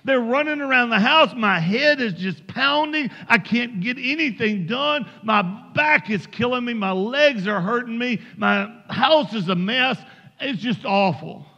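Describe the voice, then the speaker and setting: A man's voice: very high voice, animated, measured pace, bright, forceful tone, big-room sound, highs cut off, voice pushed up, exaggerated voice. A man voicing a frazzled, exhausted young mother who complains that she is at her wits' end. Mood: exasperated.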